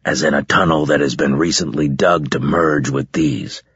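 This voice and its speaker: A man voicing a stern male military officer who gives clipped, curt orders, with a husky voice. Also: very deep voice, steady tone, moderate pace, fairly bright tone, no room sound, dull audio, voice pushed down, exaggerated voice.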